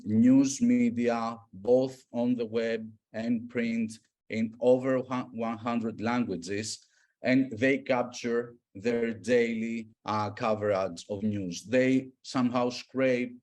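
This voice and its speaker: A man from Greece, presenting a data tool in an online workshop, explaining step by step with many pauses and fillers. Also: mid-range voice, fairly even intonation, a little mellow. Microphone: video call.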